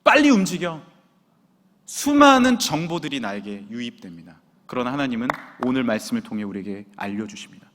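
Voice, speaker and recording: A middle-aged man preaching a sermon as senior pastor, dramatic, acting out quotes and shouting hallelujahs. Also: mid-range voice, sing-song, quick pace, few pauses. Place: church sanctuary. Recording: long hall reverb.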